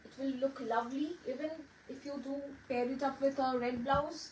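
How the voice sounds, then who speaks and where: High-voiced chatty saree seller, echoey room. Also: female voice, fairly even intonation, drawn-out words, darkish tone. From Bengal. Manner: chatty, mixes Bengali and English, greets viewers by name. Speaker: saree seller hosting a live sale. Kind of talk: live-stream sales pitch. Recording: echoey room, distant mic, faint noise.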